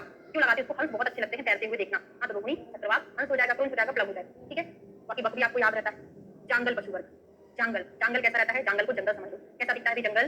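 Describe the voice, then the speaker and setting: Brief: woman lecturer, bright, fairly high voice, checks in with the class, uses memory tricks. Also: a little hiss or hum, low-quality recording. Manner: asks students questions and checks with "है ना?"; memory tricks and everyday examples. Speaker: Ayurveda teacher. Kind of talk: online exam-prep lecture.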